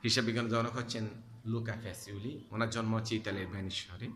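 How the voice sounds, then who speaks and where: A man teaching an accounting class, asking students questions and repeating key terms slowly so they stick. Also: lowish voice, fairly even intonation, fairly bright tone. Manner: addresses students directly with questions. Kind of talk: classroom lecture. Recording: echoey hall with faint background noise.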